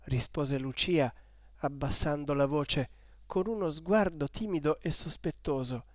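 A man reading a classic novel aloud in a measured, expressive way. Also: fairly high pitch, no room sound, clean studio sound. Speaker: audiobook reader. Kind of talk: scripted literary narration.

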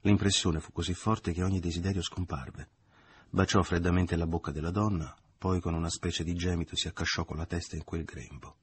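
A man narrating a literary novel as an audiobook in a measured, expressive reading. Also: deep voice, husky.

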